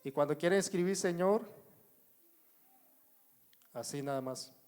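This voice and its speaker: A man with a Mexican Spanish accent teaches a Bible study to a congregation, speaking at an unhurried pace. His voice sits fairly high for a man. He repeats himself and often stops to check that his listeners are following. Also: darkish tone. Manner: addresses the congregation as brothers, asks if they follow; writes on a board while explaining. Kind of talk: slow, repetitive Bible teaching. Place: church.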